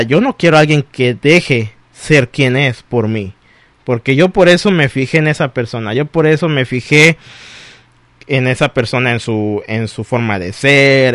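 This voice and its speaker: A man, co-hosting a casual chat, animated and laughing often. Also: medium pitch, normal speed, no room sound. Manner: animated, laughs often, acts out quoted voices. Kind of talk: casual chat about exes.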